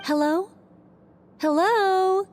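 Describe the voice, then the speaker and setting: A woman voicing a calm, capable guide whose call keeps dropping out as she tries to reach the others over a distant link. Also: very high voice, very slow, slight background noise, exaggerated voice. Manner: composed, precise, encouraging. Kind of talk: video game voice acting.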